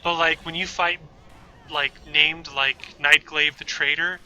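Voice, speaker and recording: Slow and steady, a young man with a slightly high, pushed, bright voice rambles to his viewers while playing a game. He streams casually from his home room on a desk microphone, and the audio quality is poor.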